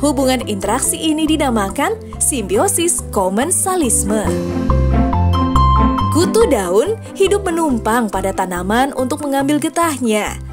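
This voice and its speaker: Friendly lady explaining science to kids, fairly high voice, bouncy, music underneath. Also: animated, measured pace. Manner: friendly, asks the audience questions. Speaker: narrator. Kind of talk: educational narration for children. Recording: music playing behind.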